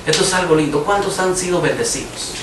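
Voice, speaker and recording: High-voiced man preaching in an echoey hall. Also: fast, crowd noise. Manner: emphatic, raises voice for quoted cries. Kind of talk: sermon. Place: church hall. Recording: echoey room, mic far off.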